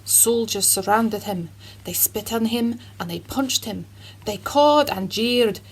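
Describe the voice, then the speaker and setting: A woman voicing a cheerful Scottish man who tells a Bible story to children in an earnest, dramatic way, with a husky voice and a put-on Scottish accent. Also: fairly high pitch, slow pace, a little hiss or hum, low-quality recording. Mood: solemn.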